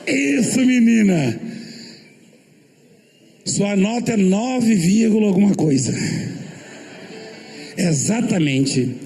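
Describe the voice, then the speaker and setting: Animated, gravelly preacher from Minas Gerais. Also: male voice, high voice, takes it slowly, pauses often, a little hiss or hum. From Minas Gerais, Brazil. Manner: jokey storytelling, asks the congregation questions, acts out quotes. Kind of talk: humorous church sermon.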